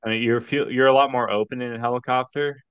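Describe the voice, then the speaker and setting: A man's voice: medium pitch, fairly even intonation, fast, a bit bright, clean tone, no echo, lo-fi sound. A young man hosting a podcast, chatting casually and hesitantly with loose phrasing. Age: young adult. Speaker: podcast host. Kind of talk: casual chat.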